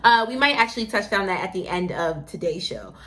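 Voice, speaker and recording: A chatty woman co-hosts a casual show and talks in an effusive, animated way. She speaks straight to her viewers and calls them "y'all". Her pitch sits in the middle of the usual range for women. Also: brisk. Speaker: co-host.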